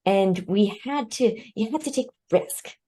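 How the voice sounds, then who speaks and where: Her voice is medium-pitched, warm and expressive, and she takes her time. The woman, Vietnam-born and raised in the United States, is interviewed conversationally as an expert on respect, sharing studies and personal stories and laughing lightly between points.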